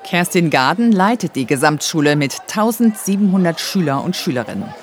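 A woman narrating a scripted news report calmly and clearly. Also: lowish voice, fairly quick, some chatter behind, a little hiss or hum.

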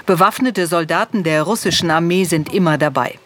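A woman reading a foreign news report voice-over in a calm, serious way. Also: fairly low pitch, fairly quick, a little hiss or hum. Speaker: foreign correspondent.

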